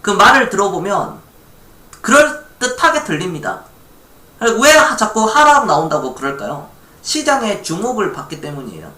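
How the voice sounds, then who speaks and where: A man from Gwangju chats casually on a live stock-investing stream and reads viewer chat aloud. His voice bounces up and down with a bright, forceful edge. The room rings with noticeable echo. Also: high-pitched, very animated, moderate pace. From Gwangju, South Korea.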